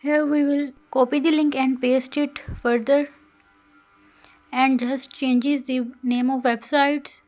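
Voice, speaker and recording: High-pitched woman teaching. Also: little pitch movement, slow pace, darkish tone, faint music behind. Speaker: coding tutorial host. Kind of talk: scripted screen-recorded tutorial narration.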